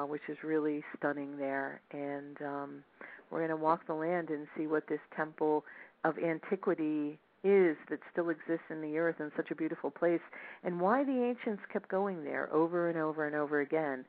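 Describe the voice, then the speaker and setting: A woman's voice: sits low, fairly even intonation, normal speed. A woman talks as a radio interview guest over a narrow, tinny phone connection. She explains conversationally, stringing descriptions together in long flowing lists. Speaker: interview guest, tour leader.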